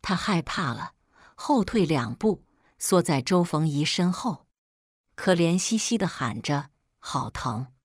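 A woman narrating a first-person drama story in an emotional, expressive way. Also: fairly low pitch, a little slow, no room sound, studio quality. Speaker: audiobook narrator.

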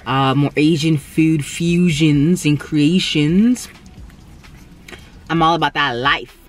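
A young woman from Canada reviewing fast food in a casual mukbang while she eats in a parked car, humming appreciatively between bites. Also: sits low. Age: young adult. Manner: chatty, eating between remarks, lots of appreciative hums. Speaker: food vlogger. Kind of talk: casual mukbang tasting chat. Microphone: camera on the dashboard.

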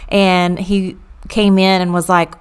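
A woman's voice: lowish voice, flat delivery, takes it slowly, smooth. A woman, chatting through a clean-with-me voice-over and telling stories from her childhood. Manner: chatty, storytelling, amused. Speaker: vlogger.

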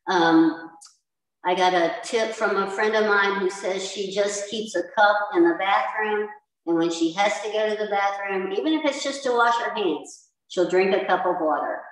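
A woman's voice: on the low side, far from the mic. An older woman, a chef, giving a chatty, emphatic community TV talk on healthy eating, with an American accent. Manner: chatty, emphatic, repeats for stress. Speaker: cooking instructor. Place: indoor community center room with posters. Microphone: far camera, no visible mic. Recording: roomy echo, voice off-mic.

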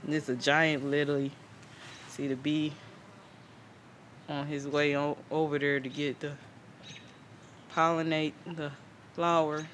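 Pausing often and speaking slowly, a man with a fairly bright, high-side voice and little pitch movement rambles casually through a garden tour as host of a home gardening channel. The handheld camera's microphone records outdoors, along with ambient noise.

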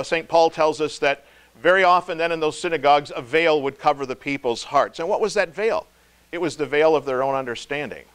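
A male pastor giving a devotional sermon, emphatic, slowing to stress key words and dropping low and soft. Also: clean tone. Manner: emphatic, slow stress on key words, wide swings in loudness.

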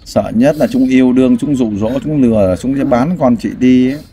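Male host, warm low tone, coaxing, sighing interviewer; light background noise. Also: a little fast. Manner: prompting, sympathetic, sighs often. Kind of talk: street interview, casual and caring.

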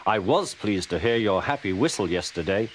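Edward, a man doing a gentle old engine. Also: fairly low pitch, lively intonation, normal speed, a little hiss or hum, close to an everyday voice. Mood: kindly. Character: kind older male steam engine, gentle. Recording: loud music behind.

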